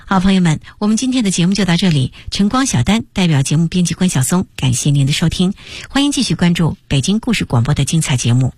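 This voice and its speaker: A woman radio host closing the program in a brisk, polished manner. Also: fairly low pitch, lively intonation, a little mellow, slight background noise. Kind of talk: program sign-off.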